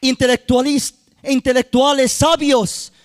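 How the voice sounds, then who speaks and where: In a church sanctuary, a youth minister with a very high voice preaches in an unhurried, flat delivery. He repeats phrases, often calls the congregation "hermanos y hermanas," and at times lilts into a sung cadence.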